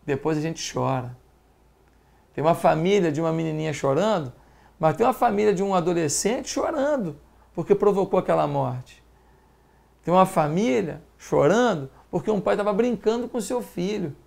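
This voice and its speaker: A man's voice: high voice, gravelly, darkish tone. A man with a Brazilian accent, a pastor giving an earnest broadcast sermon, emphatic and fatherly, repeating words for stress. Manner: fatherly exhortation.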